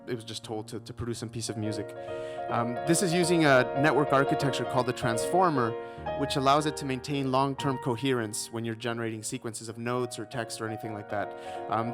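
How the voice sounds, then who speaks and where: Man from Ecuador, thirties, conference speaker; easygoing, self-deprecating, lots of ums; faint music behind. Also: medium pitch. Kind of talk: conference talk.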